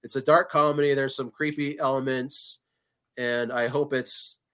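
A man's voice: mid-range voice, flat delivery, moderate pace, a bit bright. A man speaking as a filmmaker guest in a casual interview, enthusiastic but a little hesitant.

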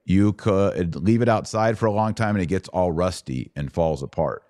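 A middle-aged American man, speaking in a low, dark voice at a moderate pace, hosts a conversational religious session answering Bible questions. He moves through explanations step by step, checking understanding with short questions. The recording is dry and studio quality.

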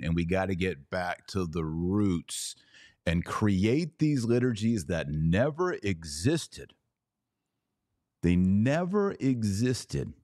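Low-pitched and a little mellow, the Texan's voice comes through a dry, clean studio recording. Hosting his podcast alone, he offers pointed opinions in a sardonic, emphatic style, often shifting his pace.

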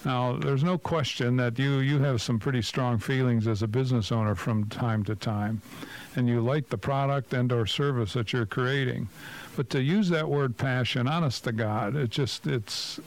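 A man's voice: mid-range voice, fairly even intonation, moderate pace, low-quality recording. A man co-hosting a casual radio talk show as a business coach, blunt and opinionated, asking rhetorical questions.

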